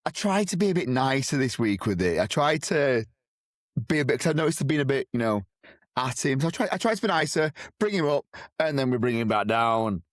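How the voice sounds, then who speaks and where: A man's voice: mid-range voice, sing-song, a little fast, no room sound, studio quality. A young man co-hosting a casual sports podcast from a kitchen, upbeat and teasing. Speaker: podcast co-host.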